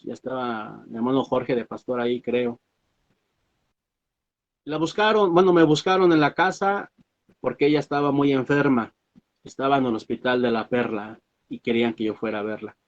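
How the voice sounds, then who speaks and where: Male pastor, mid-pitch, halting sermon storytelling, muffled lo-fi church recording. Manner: halting storytelling with many fillers and restarts. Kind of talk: sermon testimony.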